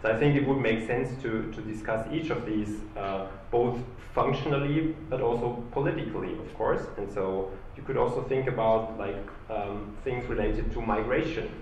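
A man's voice: fairly low pitch, moderate pace, hardly any pauses, darkish tone, slight background noise. A man on a panel giving his view, hesitant and full of fillers. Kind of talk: panel discussion answer. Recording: echoey room, dull distant mic.

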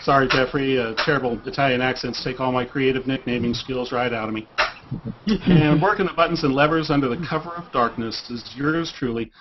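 A man's voice: mid-range voice, a little fast. A man hosting a hobby electronics show, upbeat and jokey, introducing his presenters. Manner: upbeat, jokey host apologizing for puns. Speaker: host. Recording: dull lo-fi sound with faint noise.

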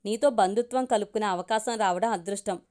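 A woman voicing a warm, eager grandmother in her sixties or older, speaking fondly in a homely way. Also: mid-range voice, brisk, lightly acted. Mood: affectionate.

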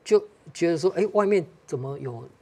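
A studio guest with a Taiwanese accent telling a ghost story on a talk show, talking quickly with many restarts and Hokkien phrases mixed in. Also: mid-range voice, animated, dark tone, slightly rough. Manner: fast, hesitant, mixes in Hokkien phrases.

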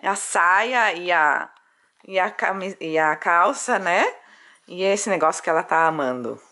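A woman's voice: lowish voice, lively intonation, a little slow, pushed and bright. A young Brazilian woman vlogging casually at home, chatty and doting as she talks to her baby. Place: at home, bedroom.

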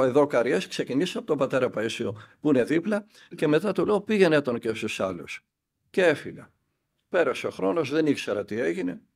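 An older man, an elder monk, tells a spiritual story and acts out the dialogue with lively emphasis. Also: medium pitch, gravelly.

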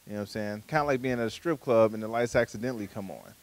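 A man in his forties from Chicago, USA, performs stand-up on a small studio stage with a handheld mic, talking conversationally with playful asides and putting on high-pitched voices for punchlines. He talks very fast, and there is heavy background noise.

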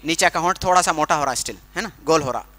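A man whose voice is a little high and sharp in tone teaches Quran recitation at a workshop. Patiently, he explains how sounds are pronounced, draws on everyday comparisons, and gives slow, drawn-out examples.

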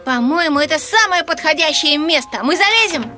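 An eager cartoon schoolboy, played by a woman with a very high, bright childlike voice. He pleads and protests quickly and is always itching to help. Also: lively intonation, soft background music. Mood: curious. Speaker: dub voice actor. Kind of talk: cartoon dub acting.

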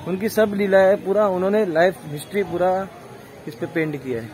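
A travel vlogger with a high-sitting voice talks fairly quickly while walking around a marble temple outdoors. He describes the wall paintings in a plain, casual way, and the phone recording is noisy.

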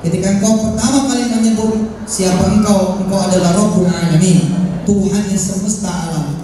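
Animated preacher, echoing hall. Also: male voice, high-pitched, normal speed, slight background noise. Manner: animated, acts out announcements, leads prayer in Arabic recitation. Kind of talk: sermon to a congregation. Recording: echoey hall from far off with music.

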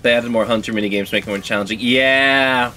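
A man's voice: fairly low pitch, little pitch movement, rapid-fire, fairly bright tone. A man streaming a video game, talking casually through his play with sudden frustrated outbursts and self-mocking jokes. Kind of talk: casual gameplay commentary.

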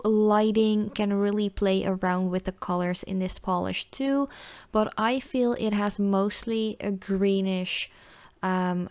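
A woman with a mid-range, darkish voice reviews nail polish casually and chattily, with no room sound in the recording. She is a native Dutch speaker and has a Dutch accent.

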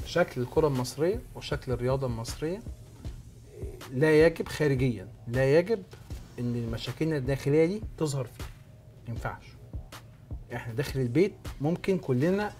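A man's voice: mid-range voice, animated, fast talker, a little mellow, soft background music. A man with an Egyptian Arabic accent hosting a sports talk show, explaining points emphatically, step by step.

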